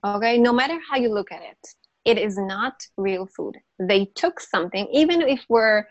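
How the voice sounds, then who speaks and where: Appearing as a podcast guest, a natural health coach whose first language isn't English explains nutrition casually in an interview, repeating herself emphatically, often restarting and using fillers. Her mid-range voice is animated and moves at normal speed, with no room sound and the highs cut off.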